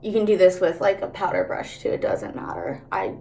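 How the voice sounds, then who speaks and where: A woman's voice: mid-range voice, sing-song, a little fast, mellow. A woman chatting casually through a makeup tutorial, candid, slangy and sweary, talking out of the side of her mouth.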